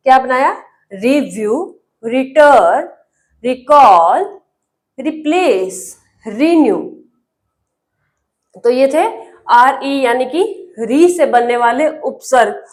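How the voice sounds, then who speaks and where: A woman with a high voice talks slowly and deliberately through an English lesson in Hindi. She keeps asking the same questions and spells each word out letter by letter in a patient drilling way. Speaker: English teacher.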